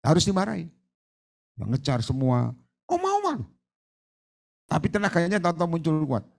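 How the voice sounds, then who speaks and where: Animated high-voiced man preaching. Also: brisk, vocal fry. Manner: emphatic, addresses the congregation as "saudara"; swings between loud exclamations and hushed storytelling. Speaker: evangelist preacher. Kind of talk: sermon.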